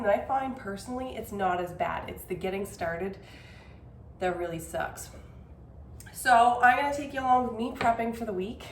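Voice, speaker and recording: A woman's voice: mid-range voice, echoey room, far from the mic, slight background noise. A young woman chatting casually as she preps meals in her home kitchen, a little out of breath and self-deprecating. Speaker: cooking vlogger. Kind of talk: casual meal-prep vlog.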